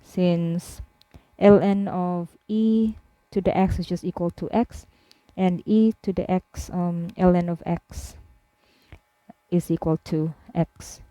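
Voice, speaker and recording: A woman math tutor slowly talking through a worked problem step by step, with frequent fillers. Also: on the low side, fairly even intonation, warm tone, dry recording. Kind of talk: screen-recorded math lesson.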